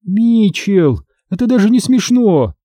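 A man's voice: sits high, big pitch swings, slow pace, warm tone, no echo, clean studio sound, voice pushed up, heavily acted. A man voicing an upset, tearful mother in an audiobook, reproachful and anguished. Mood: distraught.

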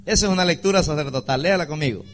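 A man preaching a sermon as a pastor, emphatic and rising loud when he quotes scripture. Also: fairly high pitch, rapid-fire, a little hiss or hum.

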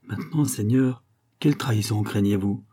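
A man's voice: on the low side, normal speed, lightly acted. A man doing the jovial sea captain Corcoran. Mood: proud. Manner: cheerful, teasing, lively. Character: bold jovial male Breton sea captain.

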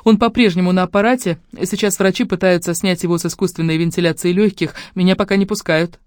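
A woman's voice: fairly low pitch, steady tone, fast, a little mellow, no room sound, studio quality, pitched above the performer's own voice, close to an everyday voice. A woman voicing an anxious, tearful middle-aged mother who sobs and calls out over the phone. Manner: sobbing, agitated, calling out.

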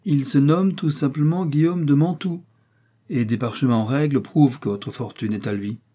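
A man's voice: medium pitch, normal speed, warm tone, husky, voice pushed up, lightly acted. A man reading an old novel aloud, voicing a cunning, ironic male servant who plots against his master. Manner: mocking, insistent. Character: scheming sly male servant, ironic and bold.

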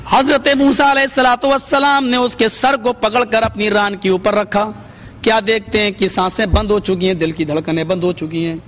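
A man's voice: high voice, a bit bright. A man preaching a sermon, telling a story with dramatic rises in his voice for quoted speech, before a seated gathering.

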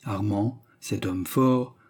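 A man voicing a calm, menacing baronet villain who lectures his accomplice in an audiobook reading. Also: lowish voice, slow pace. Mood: lecturing.

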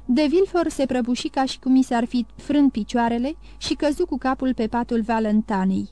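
A woman narrating a classic novel as an audiobook, reading in a measured, even way. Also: sits high, dry recording. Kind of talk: scripted narration.

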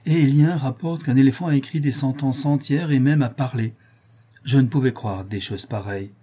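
Haughty old-world scholar, measured and lecturing, as a male reader puts him on, husky tone. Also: mid-range voice, mellow, pitched above the performer's own voice, lightly acted. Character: skeptical learned English lord, haughty.

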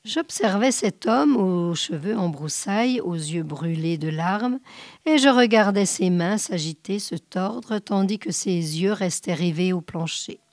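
Slow, measured woman reading a story. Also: medium pitch, expressive, dry recording, clean studio sound. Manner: slow, measured, often hushed. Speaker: reader. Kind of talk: audiobook reading of a short story.

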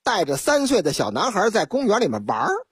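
A woman's voice: mid-range voice, wildly swooping pitch, brisk, slightly rough, no room sound. A woman from Liaoning hosting a radio show, telling news stories in a chatty, dramatic, colloquial way and acting out the scenes. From Liaoning, China. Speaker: radio host. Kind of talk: storytelling news commentary. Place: radio studio. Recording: dry close studio sound.

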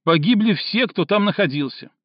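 A man voicing a young woman who is hysterical and tearful, shouting accusations in a shrill, sobbing voice, in an audiobook reading. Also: animated, moderate pace, dry recording, dull audio.

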